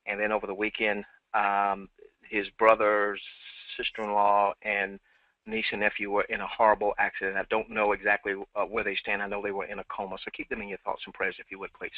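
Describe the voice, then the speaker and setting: A man's voice: lowish voice, little pitch movement, a little fast, no room sound. A man hosting a live team webinar, upbeat and repeating himself, with many fillers, on a headset. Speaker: webinar host. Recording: dry, tinny phone-like line.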